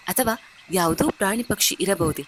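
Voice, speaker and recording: A woman's voice: medium pitch, normal speed, slight background noise, close to an everyday voice. A woman voicing a cautious older sister, Ananya. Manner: quiet, cautious. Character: anxious young woman, elder sister.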